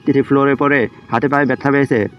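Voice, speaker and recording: Male storyteller for romantic drama, even intonation, music underneath, slightly dull lo-fi recording. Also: mid-range voice, fast. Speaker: audio story narrator. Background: background music.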